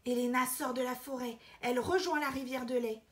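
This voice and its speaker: A woman reading a children's picture book aloud with lively expression, dropping to soft whispers in quiet passages. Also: high voice, a little fast, a little hiss or hum.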